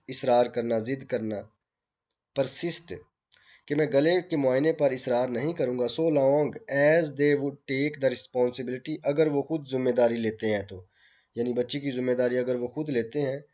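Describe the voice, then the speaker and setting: A man with a Pakistani accent reads a story aloud one slow line at a time. After each line he stops to explain the words in Urdu, in a patient classroom way. The recording is dull and lo-fi, with a plain middle pitch. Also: mellow. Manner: reads English slowly, then explains in Urdu. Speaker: teacher. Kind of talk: line-by-line lesson translation. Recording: dull lo-fi sound.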